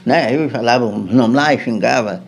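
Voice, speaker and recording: A podcast guest with a Brazilian Portuguese accent tells a long, rambling story, chatty and frequently checking in with his listener with "né?". His voice is mid-range and creaky, at a moderate pace.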